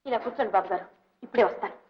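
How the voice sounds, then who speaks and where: An actress playing a kind, compassionate young woman who speaks in a gentle, soft, pleading way in an old film scene. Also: on the high side, very fast, slight background noise, lightly acted. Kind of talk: 1950s Telugu film acting. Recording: dull old film soundtrack.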